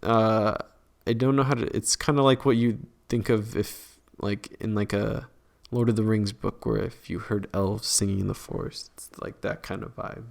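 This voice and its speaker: A man's voice: fairly low pitch, steady tone, normal speed, gravelly, a little mellow. A young man casually retelling a film's plot as a podcast host, rambling and acting out quoted lines in slang.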